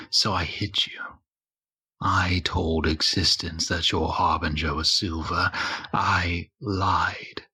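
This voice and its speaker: Man plays an ancient female spirit of deceit, deep and raspy, slow and tempting. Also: sharp tone, heavily acted. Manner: slow, solemn, tempting speech. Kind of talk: tabletop game role-play.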